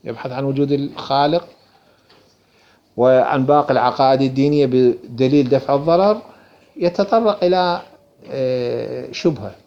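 This man, a religious teacher with an Iraqi accent, lectures on a text and answers the questions he raises himself. He speaks at a moderate pace with a medium pitch and long pauses, and the recording's high frequencies are cut off.

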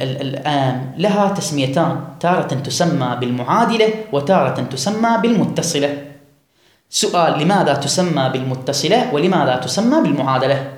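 A woman teacher gives a grammar lesson. She reads a text slowly, then explains it and quizzes her students. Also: lowish voice. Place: classroom. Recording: very echoey classroom.

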